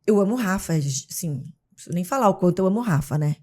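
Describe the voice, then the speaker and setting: Racing along in a fairly low voice, a Brazilian mother of three recounts stories on an interview show. She talks casually with a Brazilian Portuguese accent, playing out each scene like a lively storyteller.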